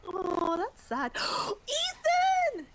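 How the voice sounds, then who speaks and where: A woman co-hosting a live stream, chatting casually in a giggly, excitable, gushing way. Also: sits high, moderate pace, very noisy. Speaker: streamer, co-host.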